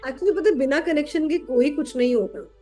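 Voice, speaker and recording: A chatty woman tarot teacher talks casually with a student and mixes English words into her Hindi. Her voice sits a little high. Soft music plays faintly underneath. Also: a little fast.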